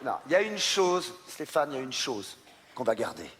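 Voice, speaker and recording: A man's voice: mid-range voice, sing-song, normal speed, in a large hall, noisy background. A man from France hosting a comedy show, joking with the audience in a playful, self-mocking way with hesitant fillers. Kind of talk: stand-up comedy on stage. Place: large theatre stage with audience.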